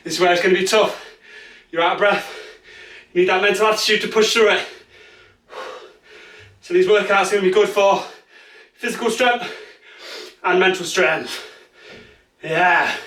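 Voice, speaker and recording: A fitness instructor, out of breath, leads a follow-along home workout from a small space at home, pushing listeners with urgent encouragement and countdowns. His voice is high-pitched and sharp, at a moderate pace with frequent pauses. The room echoes and he stands far from the mic.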